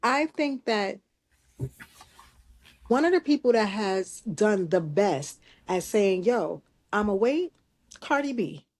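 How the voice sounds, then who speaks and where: A woman co-hosting a casual podcast chat, thinking out loud with restarts and emphatic asides. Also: mid-range voice, lively intonation, slow, pauses often. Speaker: podcast co-host.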